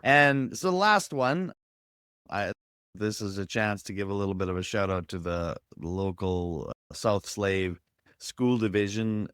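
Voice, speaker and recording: A man's voice: lowish voice, animated, unhurried, fairly bright tone, clear, resonant tone, no room sound, clean studio sound. A man hosting a podcast on a video call, asking questions in an encouraging way with frequent restarts. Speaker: podcast host. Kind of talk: casual interview chat.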